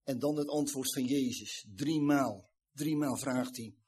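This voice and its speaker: Husky-voiced man preaching a sermon. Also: medium pitch, measured pace, a little mellow. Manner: earnest, retelling scripture with quoted dialogue.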